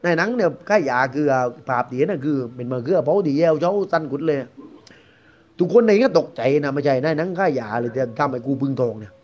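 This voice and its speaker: A man's voice: fairly high pitch, lively intonation, quick pace, a little mellow. A man with a Southern Thai accent telling a ghost story in a chatty, rambling, conversational way. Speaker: guest storyteller. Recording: dull lo-fi recording.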